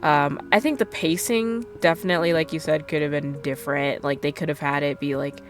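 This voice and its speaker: A woman's voice: sits low, fairly even intonation, fairly quick, soft background music. A young adult woman streaming a game, chatting casually and rambling with lots of fillers. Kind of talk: casual chat while gaming.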